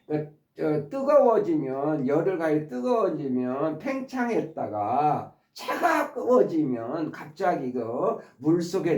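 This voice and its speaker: Man, English teacher, casual spoken lesson, lively pitch, many fillers and restarts, echoey room.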